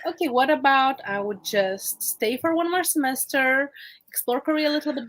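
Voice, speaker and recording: High-voiced Lithuanian woman, playful. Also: rough recording. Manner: lively, playful, laughs while telling her story. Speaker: guest. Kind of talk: casual interview chat.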